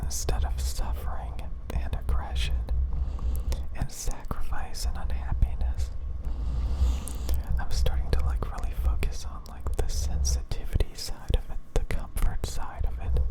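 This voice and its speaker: A person speaking entirely in a breathy, unvoiced whisper, rambling in a halting, repetitive way in the style of ASMR. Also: rough recording. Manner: rambling, halting, repeats words and phrases. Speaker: ASMR video creator.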